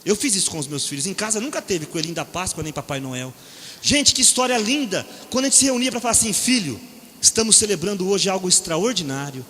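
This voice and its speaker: A middle-aged man with a Brazilian Portuguese accent preaches in a lively storytelling style, joking and acting out voices as he goes. His voice sits high and rings bright. The sound carries a long hall reverb. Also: fast, a little hiss or hum. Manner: animated, jokes and acts out quoted voices, keeps asking "né?". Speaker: preacher at a deliverance seminar. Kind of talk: humorous storytelling sermon. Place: church or seminar hall. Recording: echoey hall.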